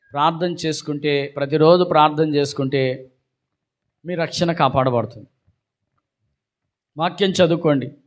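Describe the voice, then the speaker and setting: A male pastor preaching a sermon, exhorting the congregation with rhetorical questions and calls to shout hallelujah. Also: high voice.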